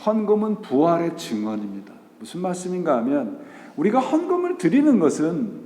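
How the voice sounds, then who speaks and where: A man's voice: on the high side, wildly swooping pitch, moderate pace, mellow. A male pastor preaching a Sunday sermon, asking rhetorical questions and answering them himself, and mixing English words into his talk. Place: church sanctuary. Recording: echoey church hall.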